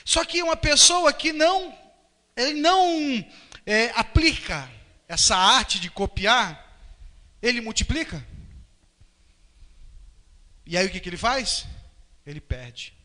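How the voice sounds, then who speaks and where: A high-pitched, bright-voiced Brazilian man preaching from the pulpit. He swings his voice widely, acting out little scenes and quotes. A long church reverb trails after his words. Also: slow, pauses often. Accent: Brazilian Portuguese. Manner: animated, acts out quotes and voices. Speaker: pastor. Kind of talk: sermon. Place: church hall.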